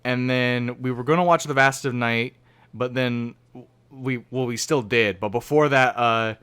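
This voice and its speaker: A man's voice: medium pitch, measured pace, a bit bright, clean tone. A young man co-hosting a casual podcast chat, telling stories in a rambling way and restarting his sentences often. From Oregon, United States. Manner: rambling, self-interrupting storyteller. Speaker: podcast co-host.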